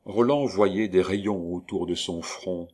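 A man reading a novel aloud in a measured, dramatic storytelling manner. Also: low voice, darkish tone. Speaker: narrator. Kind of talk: scripted narration of a novel.

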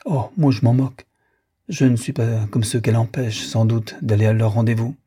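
Guy reading a lovesick young gent in an audiobook, earnest and pleading, dark breathy voice. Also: medium pitch, fairly even intonation, normal speed, lightly acted. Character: lovesick, tormented young gentleman.

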